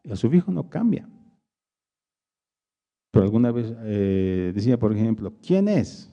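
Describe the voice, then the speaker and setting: Gravelly man, halting lecture. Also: lowish voice, very animated, mellow, muffled recording. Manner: hesitant, searching for words with many pauses. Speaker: invited speaker at a public talk. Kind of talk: explanatory lecture with audience questions.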